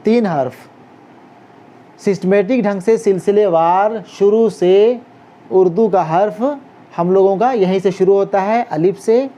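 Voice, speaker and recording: A man teaching a handwriting lesson, talking slowly through each stroke as he writes and checking in with a rising "okay?" after every step. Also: sits high, mellow. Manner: talks while writing, guiding each stroke. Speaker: Urdu teacher. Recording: dull lo-fi recording with faint noise.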